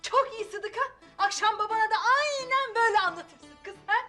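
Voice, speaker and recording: A woman's voice: very high voice, moderate pace, bright, forceful tone, faint music behind. An actress playing a scolding, nagging middle-aged mother in a TV comedy series.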